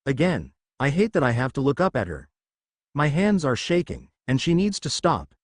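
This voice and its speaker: A man's voice: medium pitch, huge pitch swings, moderate pace, no echo, studio quality. A man reading a dramatic first-person story aloud with an intense delivery. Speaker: narrator.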